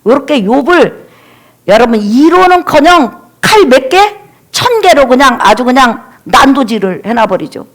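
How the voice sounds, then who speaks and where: Woman, pastor, sermon, high-pitched, emphatic, addresses the congregation. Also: big pitch swings, unhurried.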